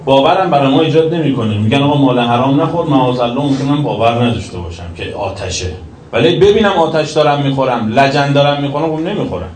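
A man giving a religious sermon, shifting between emphatic raised lines and quiet lowered passages. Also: lively intonation. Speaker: cleric lecturing. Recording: roomy echo, distant from the mic, faint background noise.

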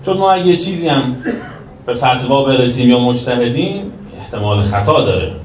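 A man giving a religious sermon, shifting between emphatic raised lines and quiet lowered passages. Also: animated. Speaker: cleric lecturing. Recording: roomy echo, distant from the mic, faint background noise.

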